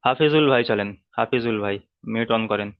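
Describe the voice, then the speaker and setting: Male online tutor, smooth resonant voice, patient, repeats each rule, dull call audio. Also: mid-range voice, no echo. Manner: patient, repeats rules slowly, drills letter by letter. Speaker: Quran reading teacher. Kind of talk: online class lesson. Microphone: video call.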